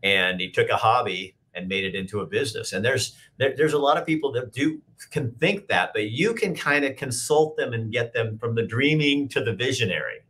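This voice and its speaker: A man's voice: mid-range voice, lively intonation, brisk, hardly any pauses, fairly bright tone. Rambling man hosting a video call. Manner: rambling, restarts often. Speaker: host. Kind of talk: casual interview chat. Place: indoor office with brick wall. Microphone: video call webcam.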